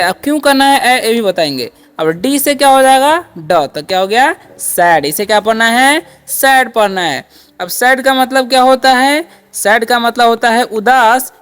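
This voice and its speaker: A woman teaching beginner English phonics patiently, repeating each word and asking questions back. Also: fairly high pitch.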